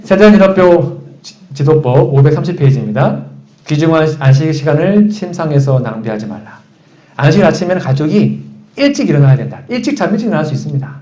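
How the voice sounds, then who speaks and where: A pastor with a fairly high, mellow male voice preaches animatedly in a church sanctuary, putting questions to the congregation. The recording is echoey and dull, with lo-fi sound.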